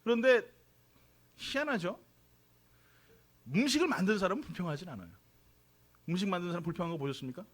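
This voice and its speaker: Korean pastor preaching a relaxed sermon. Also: male voice, high-pitched, fast talker, long pauses. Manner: conversational, jokey, draws responses from congregation. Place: church sanctuary.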